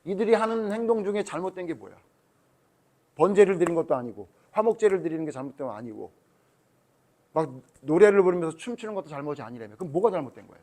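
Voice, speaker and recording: A male pastor leads a children's Sunday school sermon, turning the Bible story into an animated retelling and acting out each speaker's words. He keeps pulling the children in, asking them question after question by name. His voice sits slightly high for a man. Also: fast talker.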